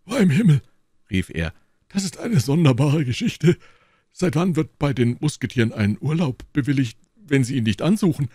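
A man voicing a loud, blustering young musketeer in an audiobook reading, speaking boisterously and higher than his own voice. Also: expressive, normal speed, slightly rough, no echo, clean studio sound. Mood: indignant.

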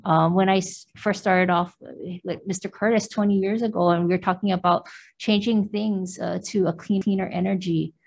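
An older woman testifying as a nominee at a confirmation hearing, answering in a measured, careful way with hesitant fillers, through a mask into a table mic. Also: mid-range voice, fairly even intonation, creaky, darkish tone. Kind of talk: formal testimony answering questions. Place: government hearing room behind a plexiglass screen. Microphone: table microphone, wearing a face mask.

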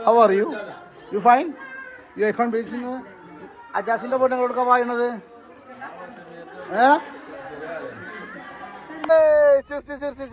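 A man with a Malappuram Malayalam accent, vlogging outdoors at a family gathering and loudly ordering and teasing his relatives. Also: very high voice. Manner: loud, bossy and teasing, calling out orders. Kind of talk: casual vlog, herding relatives. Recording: busy crowd noise behind.

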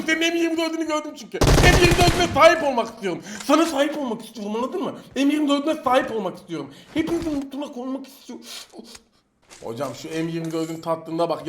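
A young man commenting on a mobile shooter game as he plays, teasing enemies with playful trash talk and sudden excited outbursts. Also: extremely high pitch, slight background noise. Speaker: mobile shooter gameplay streamer. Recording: home mic with loud game gunfire behind.

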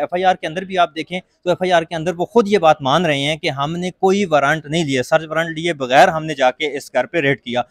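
A lawyer, a man, argues his case to a reporter in rapid, emphatic bursts. His voice sits a little high and sounds dry and close, with no room around it. He presses each point with quick insistence. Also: no room sound. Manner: fast, emphatic, argumentative. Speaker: lawyer, party legal forum member. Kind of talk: courthouse interview answers.

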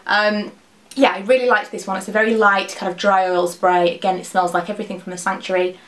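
A woman, talking very fast in a casual, rambling product review to camera. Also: mid-range voice, level tone. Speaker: beauty vlogger. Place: small dressing room at home, indoors.

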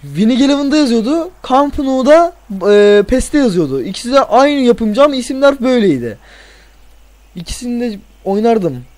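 A young man narrates his football video game in a high, bright voice. He is excitable and curses freely, yelling at his players whenever they miss a shot, then chatting casually to his viewers. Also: moderate pace. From Turkey. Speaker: gaming channel host. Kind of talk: let's play commentary.

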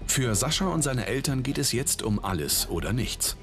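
A man's voice: medium pitch, sing-song, moderate pace. A man giving scripted, dramatic voice-over narration for a TV show. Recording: music bed under voice.

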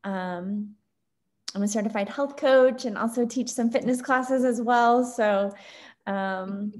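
A woman's voice: on the high side, slow, darkish tone. A woman yoga instructor from Texas introducing herself casually on a video call, upbeat with fillers. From Texas, United States.

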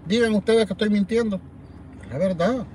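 A man's voice: high-pitched, fairly quick, darkish tone, a little hiss or hum. A man from El Salvador with a Salvadoran accent, rambling animatedly to viewers as host of a live chat from a parked car at night, reading comments aloud. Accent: Salvadoran Spanish. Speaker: livestream host.

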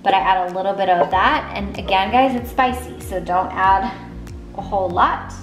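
A fitness vlogger in her thirties speaks in a steady, mid-range voice at a normal pace. She's filming a casual, upbeat cooking vlog in her home kitchen with a camera on the counter. Music plays behind her, and the room sounds echoey.

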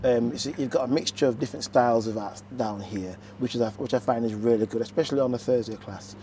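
A man's voice: medium pitch, dark tone, a little hiss or hum. A man hosting a local news interview, upbeat and eager in his questions. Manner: enthusiastic, quick. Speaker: interviewer and channel host. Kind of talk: casual interview.

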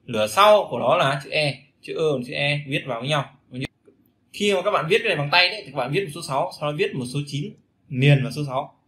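Bright-voiced male pronunciation teacher. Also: on the high side. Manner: repeats sounds and phrases many times, demonstrating vowels. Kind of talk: casual spoken lesson.

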